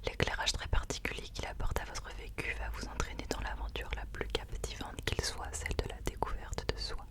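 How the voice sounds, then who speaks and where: Someone speaking in a hushed, unvoiced library whisper, sharing and reading books in an informal ASMR style. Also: fairly quick. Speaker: ASMR host. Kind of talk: whispered ASMR book recommendations and reading aloud.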